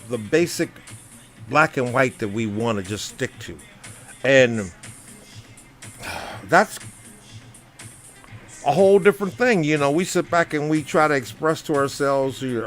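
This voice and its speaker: An American man talks through his thoughts in a loose, wandering monologue, padding his sentences with fillers. His voice sits at an ordinary middle pitch. Quiet music plays faintly underneath. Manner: rambling, many "you know" fillers. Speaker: vlogger. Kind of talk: casual spoken commentary. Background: faint background music.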